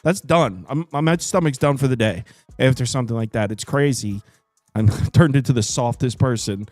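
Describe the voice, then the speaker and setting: A man in his thirties hosting a sports betting show, chatting casually in an animated, jokey, self-deprecating way. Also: medium pitch, moderate pace, no room sound, soft background music. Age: 30s. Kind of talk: casual chat.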